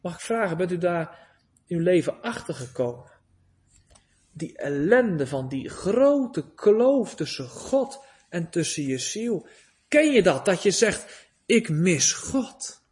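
A man delivers a sermon in a high voice. He speaks very slowly and solemnly, with long pauses. His pleas swell with emphasis. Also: very animated, darkish tone. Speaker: preacher.

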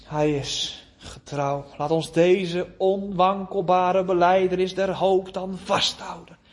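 A man delivers a fervent, pleading sermon in a noticeably high voice. He speaks slowly, stretching single words and leaving long pauses between them. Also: flat delivery. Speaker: preacher.

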